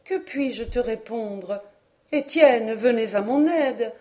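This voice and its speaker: A woman's voice: on the high side, takes it slowly, mellow. A woman doing a fretful, proper aunt. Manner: fretful, exclaiming, prim. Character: anxious, proper older aunt and mother, hesitant.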